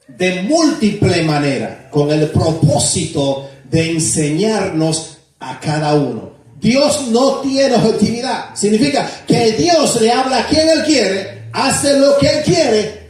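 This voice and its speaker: A male pastor preaching a sermon in a church, emphatic and repetitive, with sudden shouts. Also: sits high, heavy reverb, recorded from a distance.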